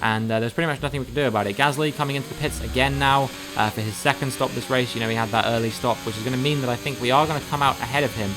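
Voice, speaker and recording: With background noise behind him, this medium-pitched gamer commentates live on his own race. He reels off positions at speed, and his excitement spikes at every incident.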